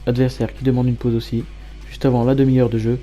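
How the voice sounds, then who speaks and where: Flat, dark-voiced man commentating football gameplay. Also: medium pitch, quick pace, soft background music, poor audio. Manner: matter-of-fact play-by-play in present tense. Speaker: gamer narrating his match highlights.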